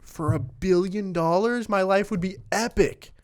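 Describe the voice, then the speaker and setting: A man's voice: high voice, a little slow, a little mellow. A young man hosting a podcast in casual banter, rambling in slang and leaning on "like" and "dude". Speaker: podcast host.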